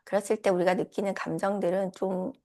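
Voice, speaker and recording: A woman coach giving a gentle, reassuring talk in a casual style. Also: mid-range voice, little pitch movement, brisk.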